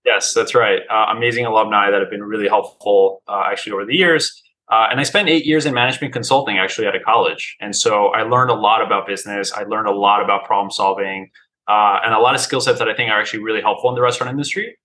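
A man's voice: fairly low pitch, fairly even intonation, quick pace, sharp tone, low-quality recording. A man in his thirties from Colombia, co-founder of a restaurant, speaking as an interview guest, friendly and hesitant. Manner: friendly, hesitant with many "uh" fillers.

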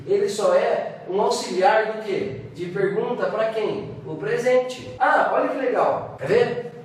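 Brazilian man, English teacher, high voice, slow unhurried delivery, keeps asking "ok?", distant mic, echoey room, faint hiss. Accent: Brazilian Portuguese. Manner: keeps checking in with "ok?" and "tá?". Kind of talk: classroom-style grammar lesson.

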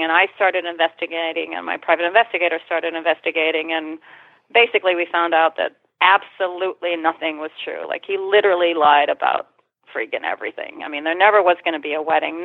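A woman's voice: sits low, fast talker, vocal fry, no echo. Woman telling a story over a tinny line. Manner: vivid retelling, swears freely. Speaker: interview guest. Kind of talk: personal storytelling in conversation. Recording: tinny phone-line sound.

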